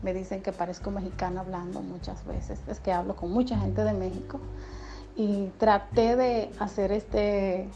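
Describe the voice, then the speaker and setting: Woman, Dominican accent, podcast host, encouraging and chatty, mid pitch, guitar music behind. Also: steady tone, normal speed. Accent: Dominican Spanish, softened toward neutral. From Dominican Republic. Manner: encouraging, chatty, with frequent fillers. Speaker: podcast host and radio announcer. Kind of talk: casual motivational podcast talk.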